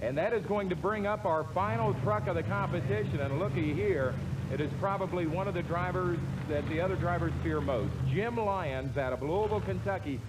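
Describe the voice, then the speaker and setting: A man's voice: sits high, brisk. A man calling the action as a play-by-play tractor pull announcer. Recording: loud engine and vehicle noise. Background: roaring vehicle noise at an indoor pulling event.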